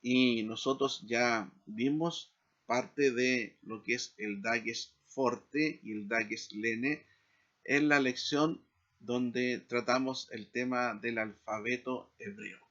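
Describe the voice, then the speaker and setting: Slow, deliberate man teaching Hebrew. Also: medium pitch, steady tone, a bit bright, muffled recording. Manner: slow, deliberate, checks in with tag questions. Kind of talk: recorded lecture.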